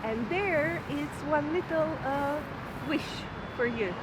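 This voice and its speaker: A cheerful woman hosting a vlog, interviewing passers-by at an outdoor Christmas market and laughing often. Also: takes it slowly. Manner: cheerful, laughs often, rises high when greeting. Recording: clear city noise behind.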